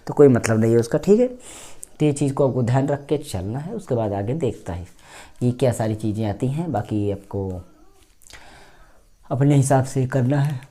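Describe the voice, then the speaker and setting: A man's voice: mid-range voice, lively intonation, moderate pace, mellow. A man teaching English pronunciation in a chatty lesson, repeating words as drills. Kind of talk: casual classroom lesson.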